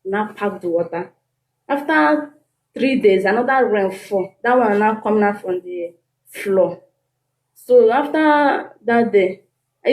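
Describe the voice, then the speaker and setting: A woman's voice: medium pitch, a little mellow. A woman with a Nigerian accent speaks Nigerian Pidgin mixed with English, recounting a grievance as a tenant into a handheld microphone. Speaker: complainant tenant. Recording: echoey room, handheld microphone.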